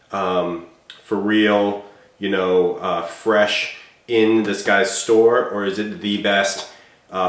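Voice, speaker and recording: Man, congested, low voice, chatty food review host, echoey room. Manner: chatty, self-deprecating. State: congested from a cold. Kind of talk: casual food review vlog.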